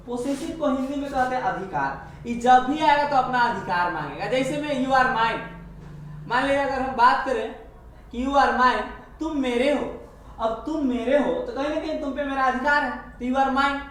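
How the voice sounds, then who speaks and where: A man teaching an English grammar lesson, explaining step by step and repeating each example slowly. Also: very high voice, fairly bright tone. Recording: echoey room, far from the mic, faint hiss.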